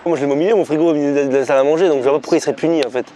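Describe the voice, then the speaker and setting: A man's voice: a little high, steady tone, rapid-fire, dark tone. A young man telling jokes in casual, slangy banter, as in a challenge video. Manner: slangy, informal.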